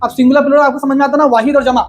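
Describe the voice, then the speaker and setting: A man teaching a grammar lesson to a classroom of students, explaining slowly and asking them questions again and again. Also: very high-pitched, flat delivery, slight background noise, low-quality recording.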